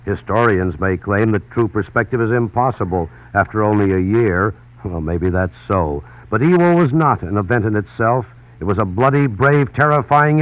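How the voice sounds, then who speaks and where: A man narrating as a radio correspondent in emphatic 1940s newsreel style. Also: mid-range voice. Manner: dramatic, emphatic announcer delivery. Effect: old newsreel broadcast sound. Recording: tinny old radio broadcast with faint hiss.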